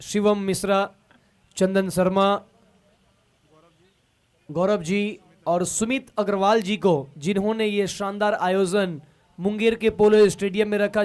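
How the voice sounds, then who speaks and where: A man's voice: high-pitched, fairly even intonation, measured pace, smooth. A man commentating on live cricket, discussing the match with a partner and addressing viewers. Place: commentary box at a cricket ground.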